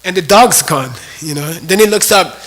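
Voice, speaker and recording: A man's voice: high-pitched, moderate pace, a bit bright, poor audio. A man teaching a class, telling a story in a loose, chatty way full of "you know". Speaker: Buddhist teacher.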